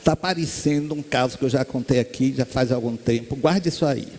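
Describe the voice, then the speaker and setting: A man's voice: medium pitch, fairly quick. A man with a Brazilian Portuguese accent giving a spiritist lecture, telling stories and acting out the voices of the people in them. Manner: lively storyteller, acts out quoted voices. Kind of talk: storytelling lecture. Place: lecture hall stage.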